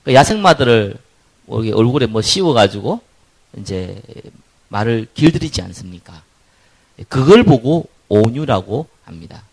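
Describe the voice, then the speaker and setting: A male pastor with a Gyeongsang accent, preaching a sermon and acting out the people in his stories, his voice rising loud for stress and dropping to quiet asides. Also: medium pitch, sing-song, moderate pace. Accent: Gyeongsang Korean.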